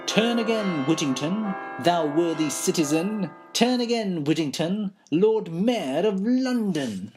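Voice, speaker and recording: A woman's voice: on the low side, animated, slow pace, hardly any pauses, a little mellow, soft background music, pitched above the performer's own voice. A woman voicing church bells that call out in a sing-song, proclaiming way. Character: chiming church bells calling out.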